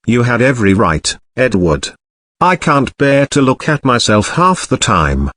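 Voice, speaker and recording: A man voicing a grieving, guilt-ridden woman detective who speaks tearfully and haltingly, in an audiobook. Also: medium pitch, very animated, a bit bright. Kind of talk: audiobook character voice.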